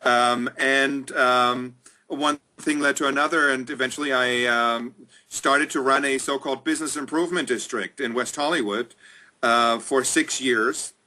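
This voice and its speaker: A middle-aged German man, the executive director of a chamber of commerce, joins a video-call interview as a guest from a small indoor room. His medium-pitched voice is steady and sharp, moving at a moderate pace, and he chats in an upbeat way, filling his speech with plenty of ums.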